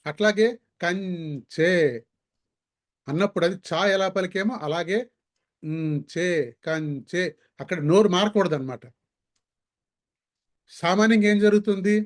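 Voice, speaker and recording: A man leads an online language class, his voice sitting a little high. He drags out syllables and repeats words slowly so learners can copy the sounds. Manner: slow, careful demonstration of sounds. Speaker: Sanskrit teacher.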